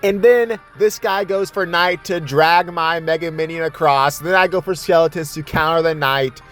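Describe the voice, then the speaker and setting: A young man narrates his mobile game matches in a loose, foul-mouthed style, heckling the other player between play-by-play. His voice sits a little high for a man, and faint music plays underneath. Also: moderate pace, fairly bright tone. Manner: crude, trash-talking, laughing asides. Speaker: gaming commentator. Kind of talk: casual profane gameplay commentary.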